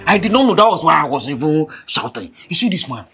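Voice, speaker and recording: Animated Nigerian landlord scolding loudly. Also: male voice, fast. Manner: loud scolding, animated swings in pitch. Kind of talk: comedy skit acting. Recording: music bed under the voice.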